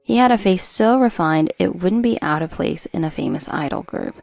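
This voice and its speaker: Woman narrator, low voice with gravelly fry, dry close sound, first-person story read. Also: lively intonation, normal speed, darkish tone, no room sound, faint music behind.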